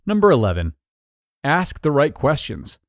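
Man reading tips in a lively, dry voice. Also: on the high side, normal speed, no echo. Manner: clear, even read-aloud delivery of numbered tips. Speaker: narrator reading an article aloud. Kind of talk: scripted narration.

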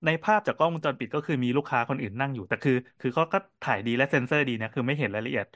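A man co-hosting a casual podcast, telling cafe stories in a quick, animated way with lots of fillers. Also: mid-range voice, no room sound, studio quality. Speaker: podcast co-host and cafe owner.

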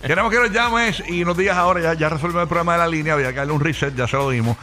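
A Puerto Rican man hosts lively radio banter. He talks fast in a fairly high, bright voice and repeats phrases for emphasis. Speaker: radio show host.

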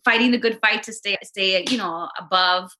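Bright-voiced chatty woman. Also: medium pitch, normal speed, slight background noise. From Los Angeles. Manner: emotional, chatty, many "you know what I mean". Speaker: radio co-host, guest. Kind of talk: casual podcast chat.

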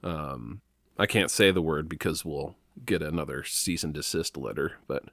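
A man co-hosting a casual sports fan podcast, talking in a relaxed, halting way with plenty of fillers. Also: extremely low pitch, no echo, studio quality. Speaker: podcast co-host.

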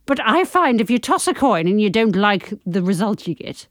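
A woman's voice: medium pitch, sing-song, normal speed, dry recording, studio quality. A British woman hosting a comedy show in playful casual chat, with teasing asides and lots of tag questions. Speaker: comedy podcast host.

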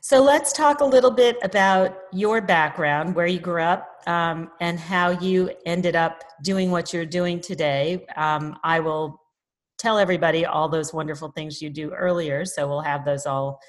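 A woman's voice: fairly low pitch, measured pace. A woman hosting a podcast interview, introducing her guest in an upbeat, effusive way. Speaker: podcast host.

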